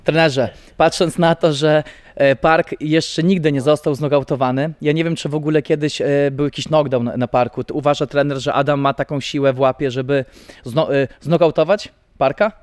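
A man's voice: a little high, fairly even intonation, moderate pace, no echo. A young man interviewing a coach in a studio, asking short casual questions into a handheld mic. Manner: brief prompting questions and nods. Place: studio with banner backdrop.

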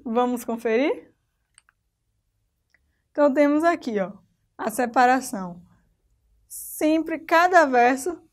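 Higher-pitched Brazilian woman teaching a lesson. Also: darkish tone. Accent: Brazilian Portuguese. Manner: explains step by step, often pointing things out on screen. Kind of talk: recorded remote lesson.

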